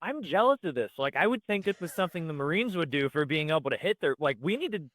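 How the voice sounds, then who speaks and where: A man's voice: on the high side, sing-song, fast talker, a bit bright, no echo. A man and military veteran trading teasing jokes in casual podcast chat. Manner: joking, teasing banter.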